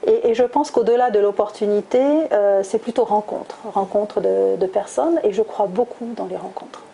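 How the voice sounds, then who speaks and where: Guest, middle-aged woman, warm and mellow, hesitant and reflective. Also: mid-range voice, fairly even intonation, moderate pace, creaky, highs cut off, slight background noise. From France, southwest (Toulouse). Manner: thoughtful, many hesitations with "euh". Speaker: guest, recruiter. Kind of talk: interview answers.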